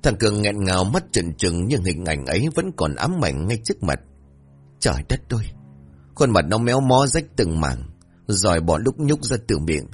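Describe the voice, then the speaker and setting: Husky man narrating a horror story. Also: on the low side, moderate pace, faint music behind. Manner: dramatic, expressive.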